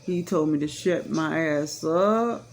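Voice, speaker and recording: A woman's voice: deep voice, slow pace, a little hiss or hum. Woman telling a story in rambling chat. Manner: rambling, full of "you know" fillers; frank and matter-of-fact about hard events. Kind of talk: casual personal storytelling.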